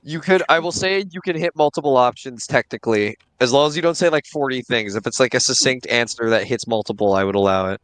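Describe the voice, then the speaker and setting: A man's voice: mid-range voice, fast talker, hardly any pauses, fairly bright tone, clean tone, no room sound, rough recording. A young man running a tabletop game as game master, easygoing and joking as he coaxes his players along.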